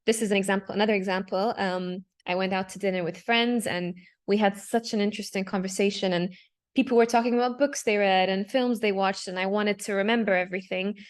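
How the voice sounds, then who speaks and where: This young adult woman's mid-range voice is brisk, with fairly even intonation. A digital artist and panel speaker of Palestinian background who was raised in Dubai, she shows off her artwork over a video call in a relaxed way, using fillers and self-corrections.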